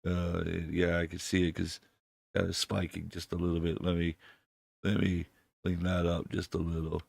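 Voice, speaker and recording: Sick and hosting his channel, a man chats casually with viewers, his illness-deepened voice full of fillers and restarts, and his desk mic clips whenever he leans in too close. He speaks in a monotone at normal speed, with a creaky, slightly mellow voice on a dry recording.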